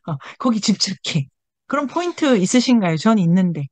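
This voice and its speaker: Lively woman leading a book seminar. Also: mid-range voice, a little slow, no room sound. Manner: lively, acts out scolding voices, laughs often. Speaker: seminar leader. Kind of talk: reading and commenting on a book in a seminar.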